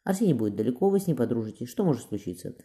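A man's voice: mid-range voice, big pitch swings, warm tone, lightly acted. A man reading a shrewd male spy master. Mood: calm. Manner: measured, instructive.

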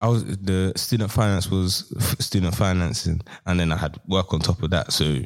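Man, twenties, London roadman accent, slightly deep, emphatic, slangy, casual group chat. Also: fairly even intonation, normal speed. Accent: London, urban slang-heavy roadman style.

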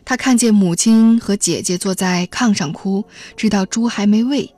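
Female audiobook narrator, steady storytelling, faint background music. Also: medium pitch, moderate pace. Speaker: audiobook reader. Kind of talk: novel narration.

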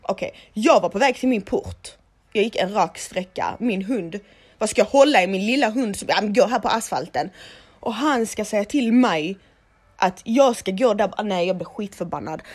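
A young woman telling a casual storytime monologue in an animated way, swearing freely and mixing in English phrases. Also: medium pitch.

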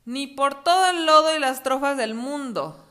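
A woman's voice: high voice, moderate pace, fairly bright tone, pitched above the performer's own voice. A woman voicing a small little pig in a children's storybook reading, stubborn yet worried.

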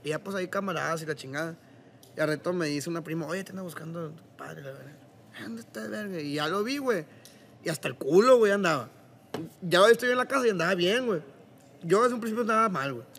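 A man's voice: sits high, lively intonation, fast talker, a bit bright, slight background noise. A young man, telling a rambling, profane story in casual podcast chat. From Mexico. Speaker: podcast guest.

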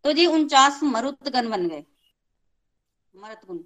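A woman with a high, lively voice and a fairly bright tone speaks slowly on a rough recording. She retells a scripture story casually to her listeners, repeating phrases for emphasis and slipping in English words.

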